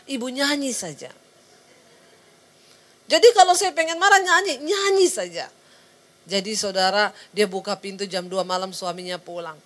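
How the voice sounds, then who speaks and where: A woman's voice: mid-range voice, fairly bright tone. A woman preaching a sermon, telling stories, acting out the people in them and calling the congregation to say amen. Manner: sings short hymn lines within the story; calls the congregation to answer amen.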